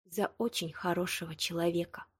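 A woman reading the lines of a prickly young woman, hurt but proud, defensive and quick to flare up. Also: mid-range voice, slightly rough, dry recording, clean studio sound, natural voice. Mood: tearful. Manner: tearful, defensive, flaring. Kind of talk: audiobook dialogue reading.

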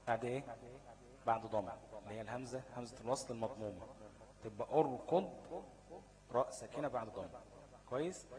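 A man's voice: medium pitch, rough recording. A man with an Egyptian Arabic accent teaching recitation rules, who often checks understanding and turns key words into questions for his students. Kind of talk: tajweed lesson explanation.

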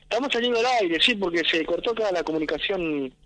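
A man's voice: high voice, quick pace, no echo, rough recording. Young Rioplatense man on speakerphone. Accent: Rioplatense Argentine. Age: young adult. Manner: relaxed and chatty, leans on the filler "digamos". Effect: heard over a speakerphone call. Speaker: field reporter. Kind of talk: live phone-in report on a radio show. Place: outdoors at a community event. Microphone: mobile phone.

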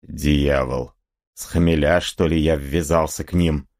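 A man voicing a gruff, blunt cossack who speaks in curt threats, in a novel reading. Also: very deep voice, steady tone, takes it slowly, a little mellow, pitched below the performer's own voice.

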